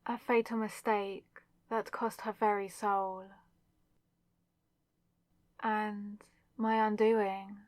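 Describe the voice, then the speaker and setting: In a dramatic ASMR roleplay, a woman voices a demonic villainess who is possessive and lovesick, pausing with intense deliberation. Her pitch is medium, the audio has no echo, and the mood is bitter.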